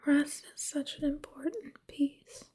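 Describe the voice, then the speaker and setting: A woman giving a whispered ASMR pep talk, speaking gently and reassuringly in a soft, unvoiced whisper. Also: sits high, a little slow.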